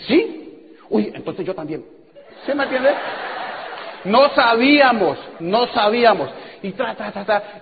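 A man telling a story to a seminar audience in an auditorium, acting out dialogue and laughing often. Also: high-pitched. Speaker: speaker at a business seminar. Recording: echoey hall over a tinny, noisy line.

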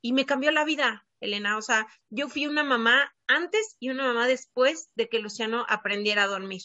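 Bright chatty woman from Argentina. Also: on the high side, normal speed, no echo. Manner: chatty and earnest, many filler words. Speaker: podcast guest, child sleep coach. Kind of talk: casual interview chat. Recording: dull lo-fi dry sound.

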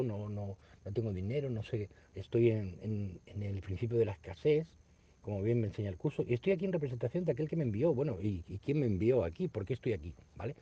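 A man, reading a spiritual text aloud and explaining it in an unhurried, reflective way that repeats phrases. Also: fairly low pitch, warm tone, husky. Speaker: spiritual study teacher. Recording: dull lo-fi recording.

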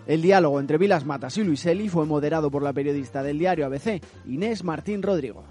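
A man with a fairly high voice reads a polished, scripted podcast introduction. He sounds like an announcer. Soft music plays quietly under his voice. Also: quick pace. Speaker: podcast narrator. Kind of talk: scripted narration.

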